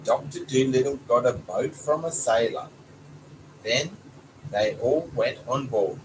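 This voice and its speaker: Reading to his child like a father, a man works through a children's storybook with brief asides in an unhurried, mid-range voice. Background sounds fill this noisy home recording, including clear ambient noise and a young child nearby.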